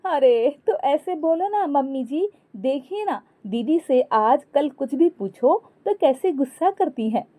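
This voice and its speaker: A woman's voice: high voice, expressive, unhurried, dark tone, pitched above the performer's own voice. A woman voicing a sly young daughter-in-law who needles sweetly. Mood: needling.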